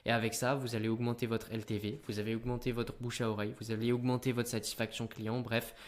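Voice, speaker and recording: A teenage man giving business advice straight to camera in an energetic, punchy way. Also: medium pitch, fast. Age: teens.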